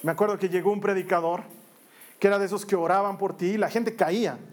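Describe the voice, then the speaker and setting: Jokey priest preaching. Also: male voice, high voice, steady tone, quick pace. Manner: conversational, humorous storytelling. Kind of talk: sermon.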